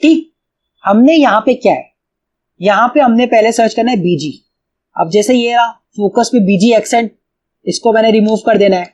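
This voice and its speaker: A man's voice: high-pitched, normal speed, darkish tone. A man from Pakistan with a Pakistani Urdu accent, casually thinking aloud through a coding tutorial and often calling the viewer brother. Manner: casual, thinks aloud, keeps saying "bhai". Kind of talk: screen-recorded coding tutorial.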